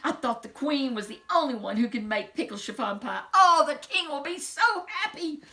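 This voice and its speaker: A woman's voice: high-pitched, lively intonation, moderate pace, bright, forceful tone, voice pushed up, exaggerated voice. A woman voicing a kindhearted, eager young prince in a storybook, with an earnest, stammering delivery. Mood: delighted.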